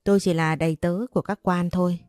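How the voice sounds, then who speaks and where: A woman voicing a greedy, sly older male shaman who talks in a slow, knowing, wheedling way. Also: lowish voice, steady tone, a little mellow, dry recording, studio quality, lightly acted.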